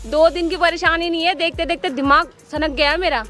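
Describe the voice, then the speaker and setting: A greedy young wife, scornful and taunting, repeats her demands again and again, as a woman plays her. Her voice sits very high and her words tumble out fast. Faint music plays behind her. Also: steady tone, sharp tone. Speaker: wife in a skit.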